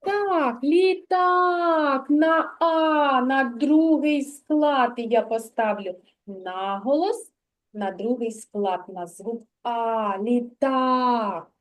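Жінка-вихователька дитячого садка веде заняття з грамоти з дитиною, терпляче підказує й хвалить. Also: female voice, fairly high pitch. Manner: slow, patient, praising and prompting. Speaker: kindergarten teacher. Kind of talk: early literacy lesson with a child.

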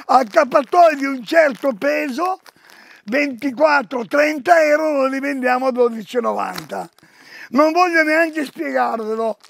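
An older man presenting products on a TV shopping show, talking loudly and exclaiming to viewers as he pitches items from the shop floor. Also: a little slow, vocal fry. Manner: loud, exclamatory, keeps calling out to viewers. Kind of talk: live store sales pitch.

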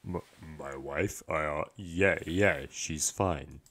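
A man doing a deadpan male showrunner whose voice sits at the very bottom of the range. Every line comes out flat and monotone, like dialogue read aloud from a game. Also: very slow, full character voice. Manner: flat, monotone, very low delivery.

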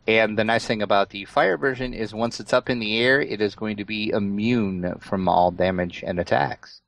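A man co-hosting a casual gaming podcast, calmly explaining new features step by step. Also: fairly low pitch, moderate pace, creaky, no room sound, rough recording. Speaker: podcast co-host.

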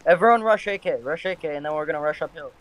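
A man's voice: a little high, rapid-fire, crowd noise. A young man talking like a hyped gamer bro in casual voice chat, barking bossy, slangy, sweary callouts. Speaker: online gamer, raid caller. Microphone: gaming voice chat microphone. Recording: noisy voice chat, mouse clicks.

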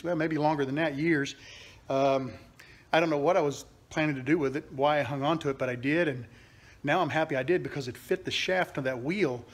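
A man in his forties with a slightly high, somewhat rough voice runs a workshop vlog. Holding his phone at arm's length outdoors in the backyard and garage, he chats loosely through a DIY video, rambling with fillers and restarts.

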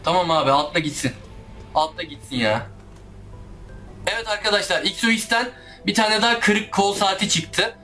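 A man's voice: high voice, pushed and bright. A man giving casual let's-play commentary, frustrated, swearing often and talking back to the game. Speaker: gaming YouTuber. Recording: faint music behind the voice. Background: faint game music.

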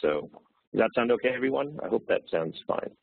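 A man's voice: mid-range voice, sing-song, fairly quick, vocal fry, breathy edge, no echo. A man speaking on a phone to present a webinar, explaining steadily with fillers. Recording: dry, tinny phone line.

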